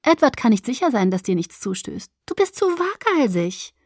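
A woman's voice: fairly high pitch, very animated, normal speed, a little mellow, no room sound, studio quality, voice pushed up. A woman voicing a bubbly, cheerful teenage vampire girl in an audiobook, with a sing-song, chirpy delivery. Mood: breezy. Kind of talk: audiobook character voice.

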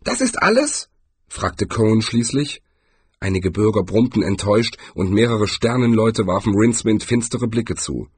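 Brief: male audiobook narrator, low and husky, measured delivery. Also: fairly even intonation, a little mellow, dry recording. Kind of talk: scripted narration.

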